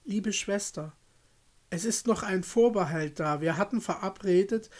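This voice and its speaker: Benjamin, the youngest brother of a storybook fairy tale, speaks earnestly and with emphasis, voiced by a male reader. The delivery is slow and deliberate. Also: sits high.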